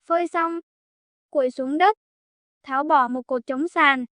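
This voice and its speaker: A woman narrating a folk tale as a storyteller, voicing the characters in her own steady voice. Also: high-pitched, a little slow, dry recording.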